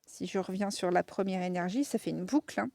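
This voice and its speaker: A woman's voice: fairly low pitch, fairly quick, creaky, a little mellow, no room sound, studio quality. A woman with a Lorraine French accent giving a casual oracle card reading, chatty and frank, with frequent fillers.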